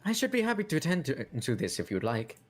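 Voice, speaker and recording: A man's voice: mid-range voice, wildly swooping pitch, fast talker. A man reading aloud as a polite young assistant from a game, sometimes stumbling over words.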